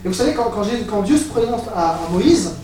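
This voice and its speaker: A man preaching a sermon, animated and building to excited exclamations. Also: sits high, fast, a little hiss or hum. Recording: echoey hall, voice from far off.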